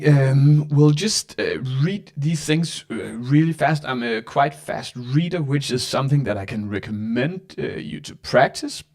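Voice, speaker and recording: A man hosting a live software tutorial, talking casually and haltingly with many fillers. At times his voice sounds echoey and a bit robotic. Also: mid-range voice, gravelly. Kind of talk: live screen-share walkthrough.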